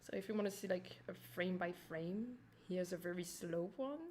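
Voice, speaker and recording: A woman's voice: lowish voice, fairly even intonation, normal speed, darkish tone, slight background noise. A woman with a Turkish accent chatting informally to her viewers on a livestream as a streamer and animator. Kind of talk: casual livestream chat and explanation.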